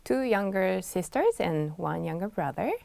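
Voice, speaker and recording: A woman from Japan, speaking as a pianist guest in a conversational interview. She talks in a soft-spoken way, with light laughs. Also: mid-range voice, animated, normal speed, vocal fry, dry recording.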